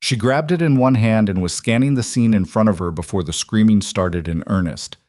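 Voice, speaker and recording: A man narrating a dramatic story in a measured, scripted reading. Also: lowish voice, a little mellow, no echo, clean studio sound.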